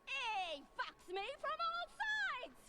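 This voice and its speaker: An actress playing a brash, wronged pregnant woman making a loud, shrill scene in a video game. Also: wildly swooping pitch, slow, full character voice. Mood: shrill outrage. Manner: shrill shrieking. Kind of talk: theatrical video game acting.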